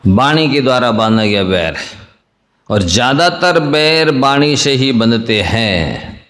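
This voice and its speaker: A man preaching a sermon as a monk, speaking deliberately and repeating his key phrases for emphasis. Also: medium pitch, sing-song, fairly bright tone. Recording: echoey hall with long reverb.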